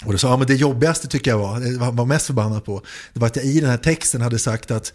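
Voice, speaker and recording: Male storyteller acting out dialogue. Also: medium pitch. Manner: lively storyteller, acts out dialogue. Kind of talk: casual chat.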